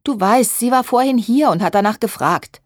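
A practical young seamstress in a storybook, voiced by a woman. She talks calmly and matter-of-factly. The recording is dry and close. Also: on the high side, moderate pace, no echo, voice pushed up. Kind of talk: audiobook reading.

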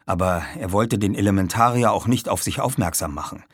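A man narrating an audiobook with lively, dramatic storytelling. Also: lowish voice, fairly quick, breathy edge, no room sound, studio quality.

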